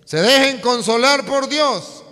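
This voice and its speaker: A male priest with a high, bright voice preaches to young people at an unhurried pace. He is emphatic and repeats himself, speaking straight to the crowd. His voice rings with the long reverb of a large hall. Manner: emphatic and repetitive, addresses the crowd directly. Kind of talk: lively sermon.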